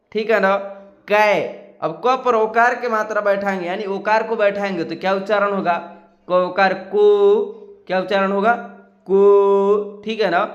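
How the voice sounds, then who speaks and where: A man with a North Indian Hindi accent gives a patient classroom lesson, drawing out each syllable slowly to model pronunciation. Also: high voice, fairly bright tone, reverberant, muffled recording. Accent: Hindi-speaking North Indian. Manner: patient and repetitive, often asking "ठीक है ना". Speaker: teacher.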